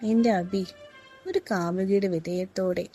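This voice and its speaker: Woman storyteller, warm mellow tone, soft unhurried first-person reading. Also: mid-range voice, steady tone, soft background music.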